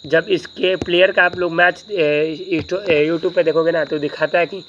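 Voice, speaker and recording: A man's voice: fairly high pitch, fairly even intonation, a little slow, fairly bright tone, dull audio, a little hiss or hum. A male teacher giving a grammar lesson, who keeps asking the class questions and answering them himself, with joking asides.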